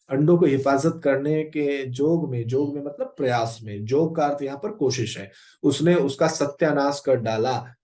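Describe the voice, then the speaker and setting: A man's voice: fairly high pitch, darkish tone. A male teacher explaining a story for a class, with frequent fillers and tag questions. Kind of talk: Hindi lesson explaining a story.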